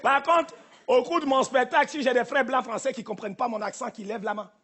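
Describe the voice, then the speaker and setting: A man's voice: very high-pitched, steady tone, fast talker, a bit bright. A male stand-up comedian performing a live routine on a theater stage, with a punchy, teasing delivery aimed at the crowd. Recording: live theater, audience and noise.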